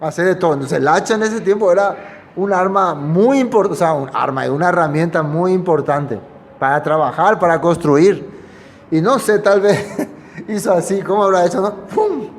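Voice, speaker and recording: Male preacher, high voice, informal Bible teaching, chatty and checking in with the room, long hall reverb. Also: normal speed. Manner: conversational, asks the listeners for agreement.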